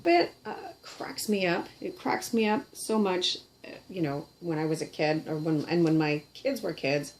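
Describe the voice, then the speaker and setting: A woman's voice: lowish voice, normal speed, slight background noise. A middle-aged woman with a Canadian accent, chatting casually and giggling as she shows off her puppets at her kitchen table. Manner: chatty, giggly, self-deprecating. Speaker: puppeteer and vlogger. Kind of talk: casual show-and-tell chat.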